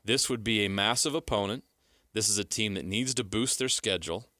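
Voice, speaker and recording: An American man with a lowish voice co-hosts a sports talk show, making a brisk, sharp-toned pitch to his co-host. He presses his case insistently and repeats points for emphasis. The recording is clean studio sound with no echo.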